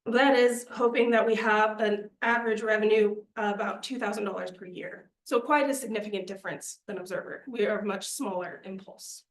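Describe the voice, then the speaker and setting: A woman's voice: mid-range voice, fairly even intonation, normal speed, hardly any pauses. A young woman presenting a student media budget to a committee, earnest and persuasive, a little out of breath. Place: meeting room. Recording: echoey meeting room.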